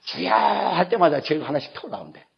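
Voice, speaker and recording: A male pastor delivers an emphatic sermon in a fairly high, husky voice. His pitch swings widely as he breaks into sudden shouts. The recording is dull and lo-fi. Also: very animated, a little fast. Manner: emphatic preaching that bursts into shouting.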